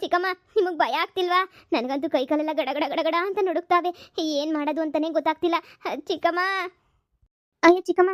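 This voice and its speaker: A woman's voice: a little high, fairly even intonation, fairly quick, no room sound, clean studio sound, close to an everyday voice. A woman voicing a troubled young woman in a cartoon, talking in a resigned, complaining way. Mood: terrified. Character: troubled young woman, sad and self-pitying.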